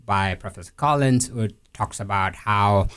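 A man's voice: fairly low pitch, measured pace, fairly bright tone, clean tone. A man from South Sudan speaking as an interview guest, thoughtful and hesitant with many fillers and restarts. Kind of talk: conversational interview.

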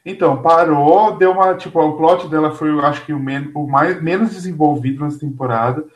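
A man's voice: on the high side, fairly quick, dull audio. A Brazilian man gossiping casually about TV series in a campy, slangy way. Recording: roomy, echoey voice pickup.

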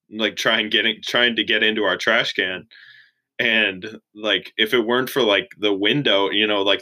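A young man in his twenties chatting casually as an interview guest, relaxed and full of "like" fillers. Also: fairly low pitch, poor audio. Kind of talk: casual chat.

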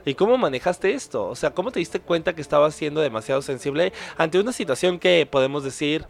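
A man's voice: a little high, animated, fast talker, vocal fry. A man hosting a podcast, talking casually and ending many points with "¿no?". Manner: conversational, many fillers and "no?" tags.

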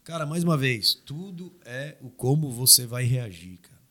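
A man talking casually into a studio microphone on a podcast, animated and pushing his pitch up when he makes a point. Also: normal speed. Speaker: podcast host.

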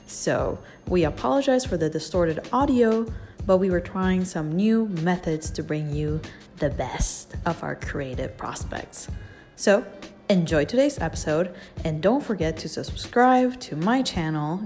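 A woman's voice: medium pitch, darkish tone. A woman hosting a podcast, giving an upbeat intro that speaks straight to her listeners, heard through fuzzy, distorted audio. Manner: upbeat, addresses listeners directly. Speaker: podcast host.

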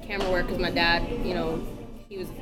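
A woman's voice: on the low side, level tone, fast. A woman from Queens with a New York accent, chatting casually as a guest in an interview. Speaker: podcast guest, freelance photographer and filmmaker. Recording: loud music behind the talk. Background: loud music.

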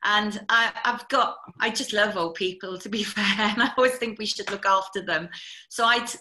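A woman's voice: medium pitch, normal speed, poor audio. A woman, a TV presenter, chattily telling stories as an interview guest. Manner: chatty, lively storyteller. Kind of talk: anecdotal storytelling.

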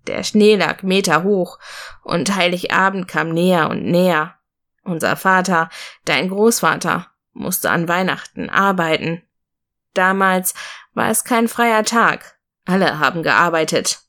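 A woman voicing a gentle father who calmly tells his child a story from his youth, in an audiobook. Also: fairly low pitch, a little slow. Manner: calm storytelling tone. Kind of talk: audiobook reading.

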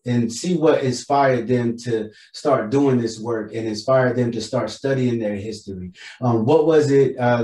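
Male interview host, mid-pitched, laid-back and appreciative, roomy echo. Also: a little mellow. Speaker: podcast host. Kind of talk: interview hosting.

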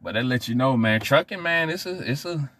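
A man's voice: mid-range voice, expressive, a little fast, a bit bright. Man chatting and telling stories. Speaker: podcast host. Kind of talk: casual storytelling chat.

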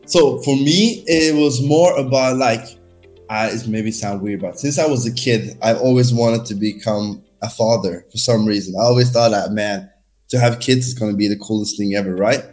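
A man's voice: lowish voice, moderate pace, a little mellow, faint music behind. A man in his thirties from Norway, a podcast guest talking casually with many fillers. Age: 30s. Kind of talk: casual conversation.

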